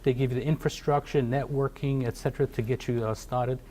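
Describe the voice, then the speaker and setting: Fast-talking Portuguese-born man, halting. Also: medium pitch, steady tone, a little mellow. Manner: halting, many fillers and restarts. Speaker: company founder and CEO. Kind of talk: TV business interview. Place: TV studio.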